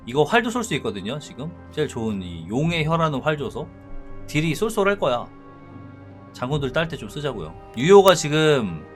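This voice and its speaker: A man commentating casually on a strategy game, thinking aloud and explaining his moves to viewers. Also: mid-range voice. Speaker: game streamer. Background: game music.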